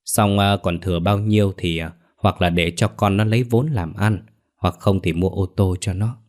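A man voicing a poor, stubborn old village father who talks gruffly. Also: low-pitched, steady tone, normal speed, a little mellow, natural voice. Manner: gruff, dismissive.

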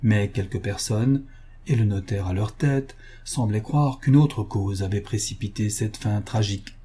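Male narrator, steady, dark husky voice. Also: lowish voice, a little slow. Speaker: audiobook narrator. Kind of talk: scripted narration.

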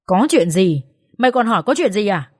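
A woman's voice: mid-range voice, expressive, brisk, breathy edge, no echo, clean studio sound. A woman voicing a furious, abusive older mother-in-law who shrieks insults. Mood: enraged.

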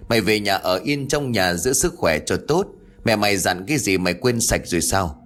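A man's voice: lowish voice, animated, normal speed, a bit bright. A man voicing a worried old village man who talks brusquely and scolds the young ones in a ghost story. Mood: scolding.

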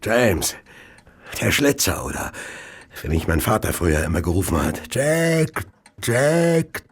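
A man playing a gloating, well-to-do Victorian serial killer in a radio play, speaking in a slow, savouring, theatrical way with a gravelly, husky voice. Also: fairly low pitch, very animated, exaggerated voice. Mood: gloating, exultant. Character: gloating, arsenic-addicted Victorian serial killer, wealthy gentleman. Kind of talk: German radio play monologue and narration.

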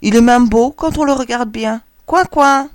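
A woman's voice: a little high, a little slow, no echo, voice pushed up, close to an everyday voice. Mother duck, protective and doting, storybook reading; a woman reads her, dry close sound. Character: anxious proud mother duck, female, adult.

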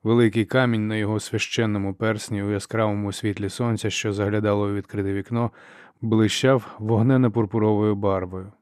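A man's voice: lowish voice, fairly even intonation, a little fast, a little mellow, dry recording. Man narrating an audiobook, dry close sound.

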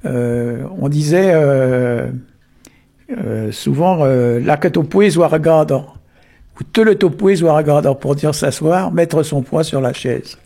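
Gravelly, husky man explaining. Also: fairly high pitch, dark tone. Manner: unhurried, full of tag words. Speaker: Breton language explainer. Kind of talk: explanatory talk on word origins.

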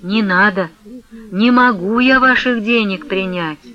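A man voicing a timid, reluctant young man who speaks quietly with deep sighs, in a radio reading. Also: measured pace, lo-fi sound. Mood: sighing. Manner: quiet, sighing, half-whispered.

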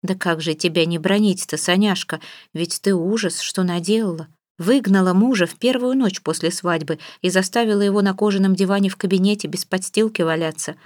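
A woman's voice: medium pitch, brisk, hardly any pauses, darkish tone, no room sound, clean studio sound, close to an everyday voice. A woman reading an audiobook, voicing a stern, fussy middle-aged mother who scolds and gives orders. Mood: scolding. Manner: scolding, bossy. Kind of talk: audiobook character voice.

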